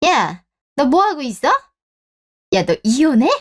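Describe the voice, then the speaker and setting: A woman's voice: high voice, sing-song, unhurried, heavily acted. A woman voicing a blunt, worried middle-aged mother who scolds her son in a radio drama. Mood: scolding. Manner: scolding, exasperated questions.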